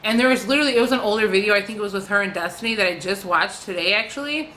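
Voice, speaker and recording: A woman's voice: medium pitch, racing, pushed and bright, a little hiss or hum, rough recording. A woman vlogger ranting casually to camera, frustrated, swearing freely and filling her talk with "like".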